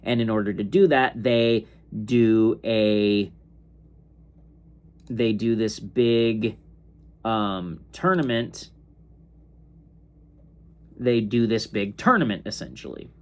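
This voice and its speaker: A sleepy young man reviewing comics in a casual, rambling way, with lots of fillers and restarts. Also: lowish voice. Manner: slow, rambling, filler-heavy. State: sleepy, yawning. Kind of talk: casual ranking monologue.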